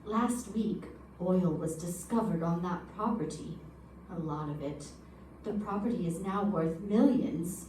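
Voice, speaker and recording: In an old-time radio drama, a woman with a lowish, slightly slow, warm, everyday-sounding voice plays an anxious, earnest male informant who fears for his life. She sounds grave and convinced, recorded in an echoey room on a distant mic with background noise.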